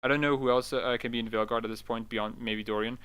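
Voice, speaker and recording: A man hosting a casual live stream about games, excitable, swearing often and calling everyone dude. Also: mid-range voice, quick pace, clean tone, no room sound. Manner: excitable, swears a lot, keeps saying "dude". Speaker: livestream host.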